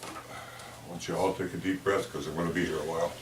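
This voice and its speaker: A man's voice: low voice, little pitch movement, a little fast, very noisy. A man with a lisp and whistling s, giving a formal prepared address as chair of a local board meeting. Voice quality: lisp from a dental appliance, whistling s. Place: indoor village board meeting room. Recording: roomy, distant meeting-room microphone.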